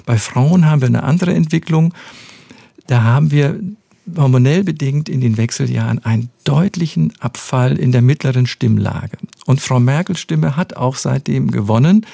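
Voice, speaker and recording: Gravelly, measured male professor. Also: medium pitch, dark tone, dry recording. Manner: measured, explanatory, precise. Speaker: speech scientist, professor. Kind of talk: expert interview answers.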